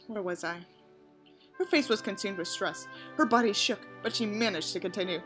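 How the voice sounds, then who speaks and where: An audiobook reader and commentator narrates a story aloud, interrupting with mocking, sarcastic asides and casual swearing. Her mid-range voice is a bit bright and moves at a moderate pace, with soft music playing behind her.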